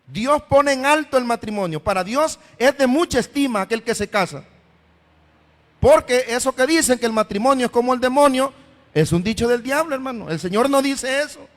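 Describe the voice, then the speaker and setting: High-voiced preaching pastor in a reverberant hall. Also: male voice, lively intonation, moderate pace. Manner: preachy, repeatedly addresses listeners as brother; voices imagined questions from the congregation. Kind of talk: sermon. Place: church hall.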